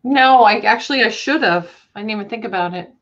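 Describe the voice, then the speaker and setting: A woman's voice: medium pitch, a little fast, a bit bright, muffled recording, slight background noise. A woman co-hosting a live stream over a video call, chatting casually and laughing a lot. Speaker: co-host. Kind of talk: casual chat. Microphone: webcam video call.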